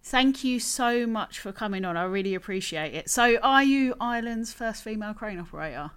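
A woman's voice: a little high, lively intonation, fairly quick, a bit bright, clear, resonant tone. A woman hosting a casual interview podcast in a chatty, informal, rambling way. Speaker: podcast host, former crane operator.

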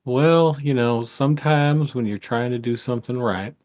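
A man playing the gentle spirit of a farm-raised father in improvised tabletop role-play, with a folksy, fatherly storytelling tone. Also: medium pitch, moderate pace, natural voice. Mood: earnest, wistful.

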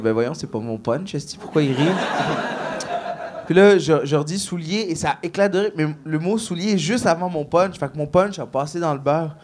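A man's voice: a little high, slight background noise. A man with a Québécois French accent who learned the language as a newcomer, telling stories in a casual podcast chat and acting out the people he quotes. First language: not French. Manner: animated storytelling, acting out quoted voices. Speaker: comedian guest.

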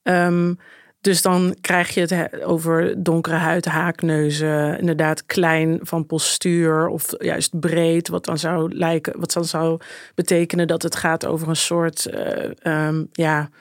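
A woman's voice: deep voice, little pitch movement, slow, no echo, clean studio sound. A woman author speaking as a guest, thoughtful and hesitant with many fillers. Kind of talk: casual discussion.

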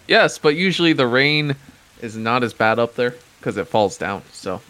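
Man, mid-pitched voice, casual tabletop role-play, player describing actions. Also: expressive, normal speed, sharp tone, low-quality recording.

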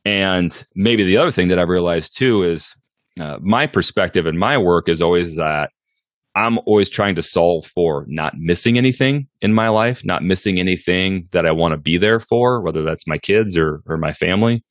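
A man's voice: low voice, moderate pace, no room sound, clean studio sound. A man in his forties talking casually and reflectively as a solo podcast host, circling and qualifying his points as he goes. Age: 40s.

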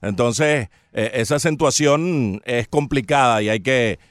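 Male panel commentator, steady mid voice, thoughtful and halting, close dry studio sound. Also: medium pitch, no room sound. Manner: measured, deliberate, with frequent hesitations. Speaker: sports commentator. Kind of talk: studio sports talk.

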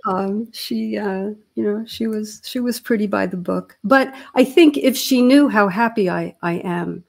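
Woman in her 60s, therapist cohost, thinks out loud, slow and earnest. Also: medium pitch, vocal fry. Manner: reflective and earnest, searching for words. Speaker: podcast co-host and therapist. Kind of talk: casual podcast chat.

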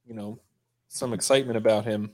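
A man on a sports podcast, calmly and briefly agreeing and adding a point. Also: lowish voice, a little fast. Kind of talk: casual sports chat.

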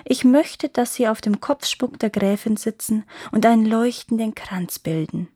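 A woman reading the part of a kind, helpful good fairy in a storybook tale, speaking gently and softly. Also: a little high, moderate pace, slightly rough, no echo, clean studio sound. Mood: kindly.

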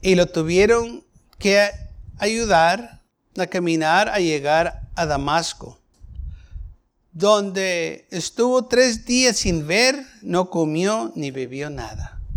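A man preaching a Bible study sermon, going through the passage verse by verse and asking his listeners questions. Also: a little high.

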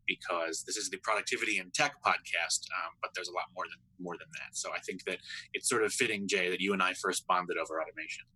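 A man with a very low voice that still carries a bright, forceful edge. He answers as a podcast guest in a thoughtful, measured way. He often checks in with a quick "right?". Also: poor audio. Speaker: podcast guest, computer scientist. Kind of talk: conversational interview answers.

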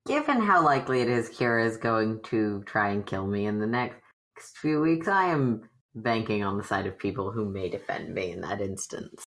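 A woman voicing a young male changeling cleric who speaks in a dry, self-mocking, measured way. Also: extremely low pitch, expressive, pitched below the performer's own voice, full character voice. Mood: wry.

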